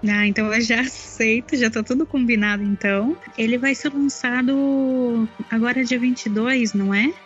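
A woman's voice: on the high side, normal speed, hardly any pauses, soft background music. Chatty Brazilian woman, dull-sounding recording. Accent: Brazilian Portuguese. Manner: chatty, lively storytelling. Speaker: podcast guest. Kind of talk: casual podcast chat.

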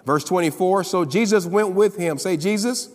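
A man preaching a sermon as pastor, calling on the congregation to answer back and building up to loud, emphatic peaks. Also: high voice, normal speed, big-room sound.

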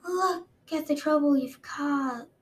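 In this audiobook character reading, a woman raises her voice well above her natural pitch to play a haughty, cruel dragon queen. She gloats with cheerful malice, drawing out her words in an imperious way.

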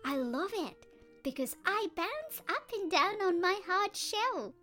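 Storybook turtle, small and crafty, very high squeaky voice, slow; woman voices it. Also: very animated, bright, forceful tone, faint music behind, exaggerated voice. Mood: sly pleading. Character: small clever male turtle, pleading.

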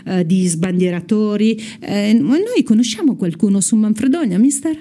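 A woman's voice: mid-range voice, lively intonation, moderate pace, warm tone. A woman, presenting a radio show in a casual, conversational way. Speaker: radio host.

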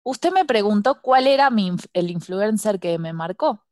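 A woman's voice: medium pitch, animated, moderate pace, a little mellow, no room sound, clean studio sound. A woman with a Rioplatense Spanish accent in playful comic role-play chat, giggly and stubborn.

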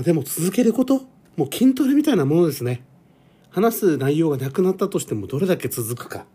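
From home, a man in his forties hosts a casual solo podcast in a somewhat high, dark, slightly rough voice. He rambles, pokes fun at himself, and uses lots of fillers.

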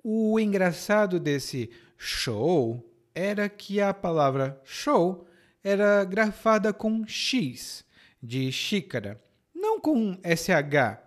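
A man from Ceará with a Brazilian Portuguese accent from that state, teaching a podcast lesson and spelling out example words slowly and carefully. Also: sits high, very animated. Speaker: language teacher.

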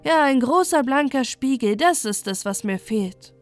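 A woman's voice: high voice, lively intonation, measured pace, faint music behind, pitched above the performer's own voice. A woman voicing a vain, good-natured male moon with a pompous manner in a storybook. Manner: pompous, scheming. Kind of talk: storybook reading.

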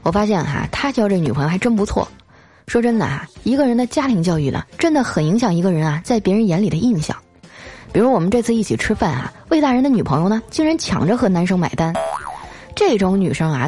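A woman telling comic anecdotes in a lively, scripted way, stretching out filler sounds between phrases. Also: medium pitch, fast, husky, soft background music. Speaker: storyteller host.

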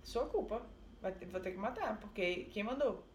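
A woman's voice: medium pitch, animated, normal speed, a little hiss or hum, natural voice. A woman with a Brazilian accent voicing a cold, murderous husband who scolds and threatens his wife. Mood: threatening. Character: menacing murderous husband, male adult, cold. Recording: roomy echo.

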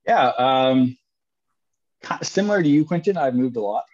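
Guest: man, 30s, upbeat and jokey, mid-pitched, slightly dull lo-fi recording. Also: lively intonation, moderate pace, a little mellow. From Canada. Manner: upbeat, joking, laughs often. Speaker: guest entrepreneur. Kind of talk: casual interview chat. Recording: dull lo-fi sound.

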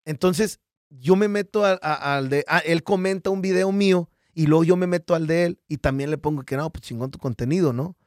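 A Mexican man with a Mexican Spanish accent talks as a guest on a casual podcast. His voice sits a little high for a man, and the sound is dry and close-miked. He tells stories with energy, drops in slang and curse words, and puts on voices for the people he quotes. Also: a little fast, no echo. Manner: animated storyteller who acts out quotes, slangy and profane. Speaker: podcast guest, business founder.

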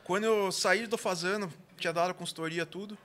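A high-voiced, bright man with a caipira Brazilian Portuguese accent tells casual, slangy stories. He talks fast and animatedly, acting out bits of dialogue as he goes. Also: steady tone. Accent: caipira Brazilian Portuguese from interior São Paulo. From interior São Paulo state, Brazil. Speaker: guest, barbecue cook and gastronomy consultant. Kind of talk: casual storytelling.

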